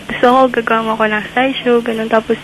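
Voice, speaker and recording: A woman's voice: on the high side, flat delivery, very fast, slight background noise, poor audio. A young woman calling into a radio show, rambling through a personal story with many fillers. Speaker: caller. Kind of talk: call-in radio chat.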